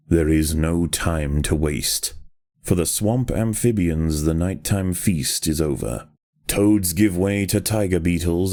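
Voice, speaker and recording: A man narrates a scripted nature documentary for a video game, telling it in a grave, measured and deliberate way. His voice is deep and mellow.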